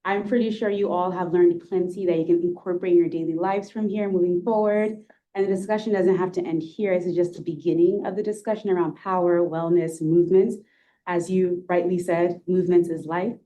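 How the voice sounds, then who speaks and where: A woman's voice: lowish voice, fairly even intonation, a little fast, warm tone, a little hiss or hum. A woman moderating a panel event, wrapping up with gracious, repeated thanks. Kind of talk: closing remarks at a panel event.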